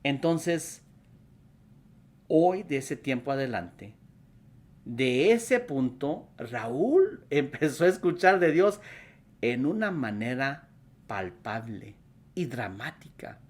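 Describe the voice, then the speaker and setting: A woman pastor and host recounts a testimony, her pitch rising and falling widely as she steps into each quoted speaker. She tells it with a storyteller's animation. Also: very animated, slow, long pauses, darkish tone.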